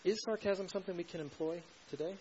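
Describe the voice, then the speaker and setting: A man's voice: high voice, fast talker, darkish tone, lo-fi sound, slight background noise. A male pastor preaching an earnest sermon, building to emphatic rhetorical questions.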